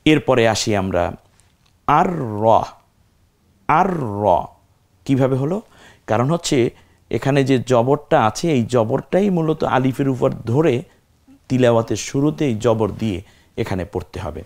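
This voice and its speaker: A man teaching Quran recitation, building words syllable by syllable and repeating each one slowly. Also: medium pitch, animated, a little mellow. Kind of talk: step-by-step recitation lesson.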